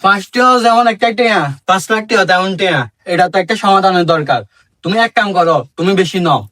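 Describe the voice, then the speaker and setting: A man's voice: sits high, fast, pushed and bright. A man with a regional Bangladeshi Bengali accent playing a sly older meddler in a comedy skit, goading and repeating himself.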